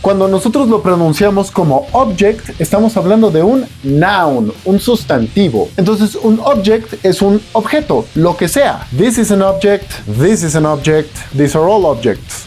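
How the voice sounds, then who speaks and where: A man's voice: high-pitched, darkish tone. A man with a Mexican accent, teaching an English lesson in a casual, joking, slangy tone. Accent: Mexican Spanish.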